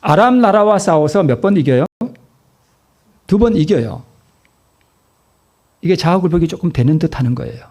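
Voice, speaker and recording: Husky, lively Korean pastor preaching. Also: male voice, a little high, moderate pace, pauses often. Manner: asks the congregation questions and answers them himself; repeats key phrases for emphasis. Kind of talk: sermon.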